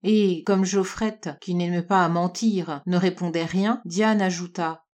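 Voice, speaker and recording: A woman narrating a storybook in a calm, measured reading. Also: on the low side.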